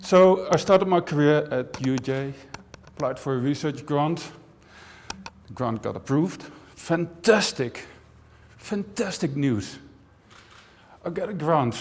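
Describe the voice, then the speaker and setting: Speaking to a large auditorium audience, this man, a professor who grew up in the Netherlands, keeps his conference talk conversational with dry humor and plenty of asides. His pitch runs on the high side, animated and a little mellow at normal speed. The long hall reverb is joined by a little hiss or hum.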